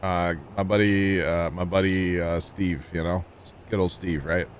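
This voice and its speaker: Chuckling frequently, this gamer tells wandering, humorous stories to the people watching his stream as he plays. His low voice comes out flat and a little slow. Slight background noise is audible.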